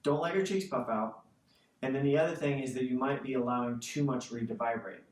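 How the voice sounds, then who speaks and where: A music teacher explains something casually, speaking a little fast in a medium-pitched voice and often checking in with the listener in a conversational way. The recording is roomy, with a distant mic and faint noise.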